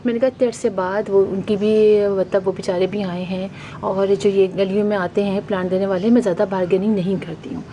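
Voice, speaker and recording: A woman's voice: medium pitch, steady tone, fairly quick, hardly any pauses, warm tone, poor audio. A middle-aged woman, chatting casually and rambling with many fillers as she shows her new plants. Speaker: gardening vlogger. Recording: faint background noise.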